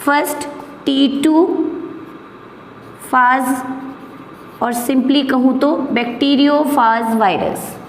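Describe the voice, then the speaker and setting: High-voiced Indian woman teaching biology in an echoey classroom. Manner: switches between quick Hindi and slow, deliberate English dictation; addresses students as beta, asks and answers own questions. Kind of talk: classroom lecture. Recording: echoey room, faint noise.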